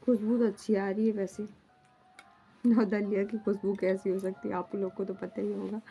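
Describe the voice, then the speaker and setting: A young woman, a mother, chatting casually to her vlog audience at home in a rambling, homely way, often filling pauses as she talks. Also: medium pitch, flat delivery, mellow, muffled recording, soft background music. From India. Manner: rambling and homely, fills with "matlab".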